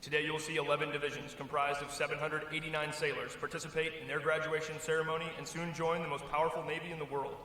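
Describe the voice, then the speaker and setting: Brisk, bright-voiced man in echoing hall. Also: on the high side, little pitch movement. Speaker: military officer, ceremony host. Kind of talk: formal welcome speech over public address. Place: large indoor drill hall. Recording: echoey hall, distant, faint noise.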